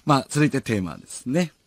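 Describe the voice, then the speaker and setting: A man hosting a late-night radio show, reading listener mail aloud with animated, self-mocking chatter and frequent laughter, close on a studio microphone. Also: mid-range voice, no echo.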